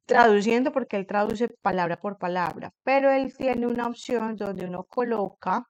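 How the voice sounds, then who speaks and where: A woman teacher explaining a class assignment to her students in a patient way, reading English example sentences slowly and carefully. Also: medium pitch, a little mellow, dry recording, low-quality recording. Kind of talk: recorded online class explanation. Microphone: computer screen recording.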